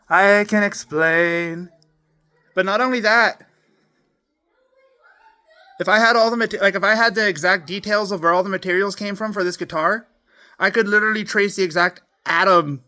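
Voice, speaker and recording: A man records himself indoors and rambles with fervent, emotional intensity. His voice sits a bit above the usual male range and sounds bright and strained. He speaks in a loose, unscripted way straight into the camera. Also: sits high. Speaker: self-recording believer. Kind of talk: rambling self-recorded monologue. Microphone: phone or camera he talks into.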